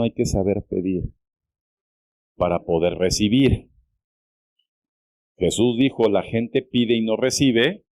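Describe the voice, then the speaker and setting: Slow-preaching man pastor. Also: darkish tone, dry recording. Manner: slow, deliberate preaching with frequent "¿verdad?" asides; rises sharply in pitch when quoting pleas. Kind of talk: sermon. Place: church.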